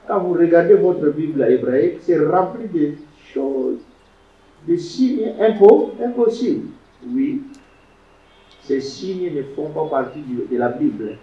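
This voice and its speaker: A man teaching a Hebrew lesson, animated and emphatic, sounding out words syllable by syllable. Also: medium pitch. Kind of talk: classroom lecture. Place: classroom. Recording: echoey room, distant mic, dull lo-fi sound.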